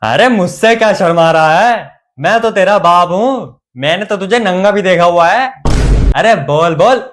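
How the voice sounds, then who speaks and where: A man playing a stern middle-aged father who lectures slowly and bursts into angry scolding. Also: high-pitched, fairly bright tone. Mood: lecturing.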